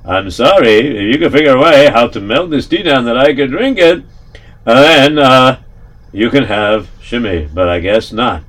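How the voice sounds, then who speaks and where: With feigned regret, the narrator plays a canny elderly rabbi, speaking unhurriedly in what sounds like his own everyday voice: steady and mid-pitched. He stays calm and measured, slipping in the odd Yiddish word.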